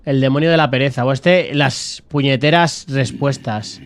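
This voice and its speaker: A man's voice: medium pitch, normal speed. A man with an accent from Spain, a game streamer giving casual commentary as he plays.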